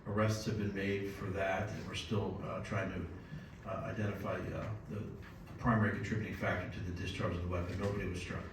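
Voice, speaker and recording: Low, flat-voiced man reporting as police chief. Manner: measured, with many filler pauses. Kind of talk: formal report at a council meeting. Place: city council chamber. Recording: echoey council chamber, distant mic, background noise.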